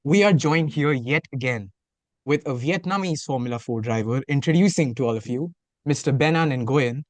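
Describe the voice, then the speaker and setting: A man's voice: medium pitch, normal speed, darkish tone, dry recording. A man hosting a podcast, opening formally and asking long rambling questions. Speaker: podcast host.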